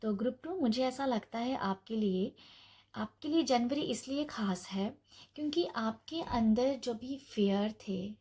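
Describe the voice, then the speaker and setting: A woman talks through a pick-a-card tarot reading in a gentle, reassuring way. Her voice sits a little higher than most. She thinks aloud and fills pauses with soft hesitations. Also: breathy edge. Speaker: tarot reader.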